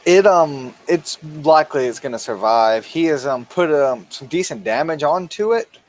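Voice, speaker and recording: A man narrating as game master for a tabletop role-playing game, pausing often with ums. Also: a little high, expressive, slight background noise, low-quality recording. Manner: hesitant, many ums.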